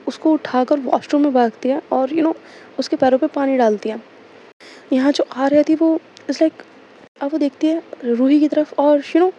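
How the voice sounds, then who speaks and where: A woman tells a story in a loose, rambling way, often correcting herself and leaning on fillers. Her voice is high and mellow. The recording is dull and lo-fi with a faint hiss. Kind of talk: casual audio story narration.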